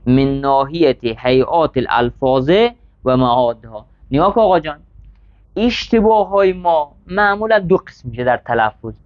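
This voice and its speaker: A seminary teacher with a mid-range, animated voice reads Arabic text line by line in class, explaining each part and checking in with his students. The recording has a dull, lo-fi sound.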